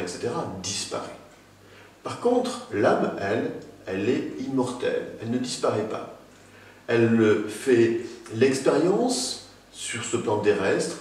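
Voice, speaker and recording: A man giving a spoken talk on spirituality, addressing the listener directly with emphatic rises and pauses. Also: medium pitch, darkish tone. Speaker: spiritual teacher. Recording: very echoey room, mic at a distance.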